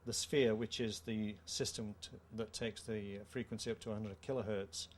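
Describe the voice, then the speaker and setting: A British company co-founder, middle-aged, delivers a formal, measured technical product presentation during an interview indoors at a trade show. His voice is on the low side, with fairly even intonation. Recorded on a handheld microphone, the clip carries clear show-room ambience.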